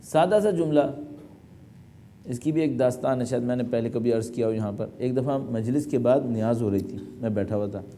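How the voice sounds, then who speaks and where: A man's voice: medium pitch, background noise. A middle-aged male cleric preaching an emphatic sermon, full of rhetorical questions. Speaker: cleric delivering a majlis.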